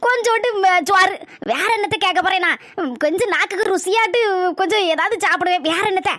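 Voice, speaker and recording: A woman's voice: extremely high pitch, fast talker, fairly bright tone, dry recording. A woman voicing a lazy, greedy village man who whines and rambles slyly about food in a cartoon comedy. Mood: sly rambling. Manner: whiny, rambling, sly.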